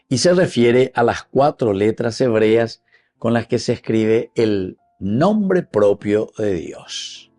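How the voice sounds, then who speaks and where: A man with a Paraguayan Spanish accent giving a teaching Bible reflection, explaining slowly, repeating key words and addressing his listeners as dear friends. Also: lowish voice, vocal fry, a little mellow. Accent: Paraguayan Spanish, mixing in Guarani.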